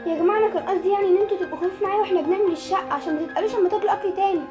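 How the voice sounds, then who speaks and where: A woman's voice: very high-pitched, fairly even intonation, racing, dull audio, music in the background. A woman playing a defensive young Egyptian hostess. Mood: pleading. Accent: Egyptian Arabic. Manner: pleading, defensive.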